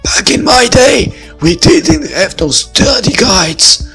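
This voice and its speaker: A bellowing drill-sergeant teacher. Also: male voice, very high-pitched, sing-song, takes it slowly, gravelly, husky, soft background music, pitched above the performer's own voice, full character voice. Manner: shouting, barking orders.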